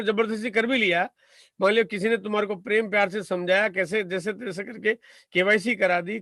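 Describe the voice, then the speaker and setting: Brief: man from India, motivational business speaker, high voice, dry close sound, hammers points with repetition. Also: a bit bright, no echo. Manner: emphatic, rhetorical, piles up repeated phrases and asks "right?". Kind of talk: motivational talk to a business audience.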